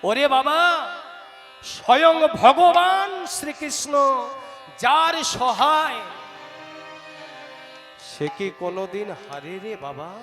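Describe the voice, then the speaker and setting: A man's voice: very high-pitched, sing-song, slow, long pauses, exaggerated voice. A man voicing a devout young prince who speaks earnestly and eagerly, over devotional music.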